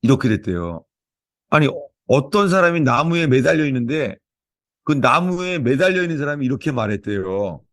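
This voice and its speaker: A man's voice: medium pitch, sing-song, normal speed, no echo, studio quality. A male pastor preaching in Korean, praying and then telling stories in an earnest, repetitive way. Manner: earnest, storytelling, many repetitions. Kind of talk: sermon with opening prayer.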